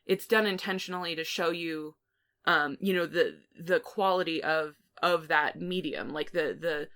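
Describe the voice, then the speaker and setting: A woman co-hosting a film review podcast talks casually and informally, with some mild swearing. Her voice is low, steady and fairly bright, and she speaks a little slowly.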